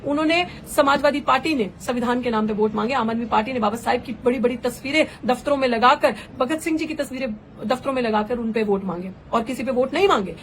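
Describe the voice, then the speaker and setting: A young woman activist speaks in an impassioned, fervent way, driving her points home with rhetorical questions. Her voice sits on the high side. A faint hiss runs under the recording. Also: fast talker, low-quality recording. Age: young adult. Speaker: political activist. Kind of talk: impassioned political address.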